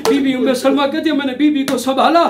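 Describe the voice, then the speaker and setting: A man's voice: extremely high pitch, fairly even intonation, fast. A male cleric giving a mourning sermon, half-chanted, with a tearful, rising lament. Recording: distant mic with crowd noise.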